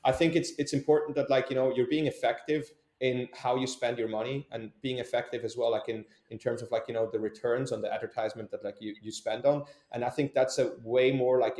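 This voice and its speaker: A man's voice: mid-range voice, warm tone. Hesitant young Swiss man, echoey room. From Switzerland. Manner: hesitant, many fillers and restarts. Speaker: entrepreneur guest. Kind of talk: casual interview answers.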